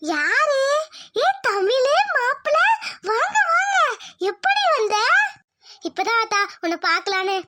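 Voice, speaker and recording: A woman's voice: very high-pitched, lively intonation, normal speed, very noisy. A woman as a fussing village mother. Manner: fussing, welcoming. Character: caring village mother, middle-aged woman.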